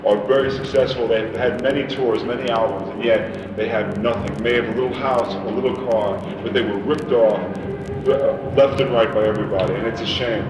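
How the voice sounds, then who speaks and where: A man's voice: lowish voice, fairly even intonation, a little fast. A man in a band, ranting emphatically in an interview. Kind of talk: animated interview talk. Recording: echoey room from far off with noise.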